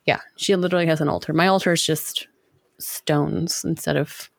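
A woman's voice: low-pitched, fairly even intonation, normal speed, gravelly, dry recording. Chatty woman podcast co-host, dry sound. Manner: chatty, frequent likes and ums, laughs often. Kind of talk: casual chat.

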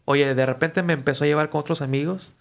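A man, speaking a touch higher than most men. He tells his stories loosely and with energy, drops slang, and slips into the voices of the people he quotes. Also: steady tone, fast talker, gravelly. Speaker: guest musician. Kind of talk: casual storytelling.

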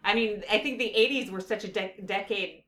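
A woman in casual chat who trails off quietly and restarts hesitantly. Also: mid-range voice, a little fast. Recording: echoey room.

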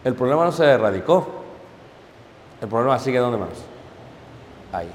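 A man preaching to his congregation, telling stories and calling them brothers, swinging between hushed asides and loud emphatic peaks. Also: medium pitch, sing-song, normal speed, big-room sound, a little hiss or hum. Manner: storytelling, addresses congregation as brothers, frequent "¿ok?". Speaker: pastor. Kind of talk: sermon.

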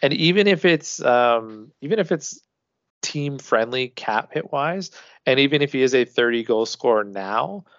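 A man's voice: mid-range voice, animated, unhurried, a bit bright, no echo. A man co-hosting a casual sports podcast, talking loosely with swearing and restarts. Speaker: podcast co-host. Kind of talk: casual hockey podcast chat. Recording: dull lo-fi dry sound.

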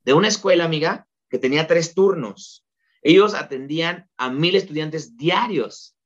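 A man's voice: on the high side, normal speed, dull audio. Chatty Mexican man telling travel stories. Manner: lively storyteller, many fillers like "este". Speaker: guest. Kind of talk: casual interview chat.

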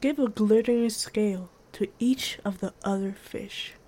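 A woman voicing a wise old female octopus in a storybook, speaking slowly in a low, solemn voice. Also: dark tone, close to an everyday voice.

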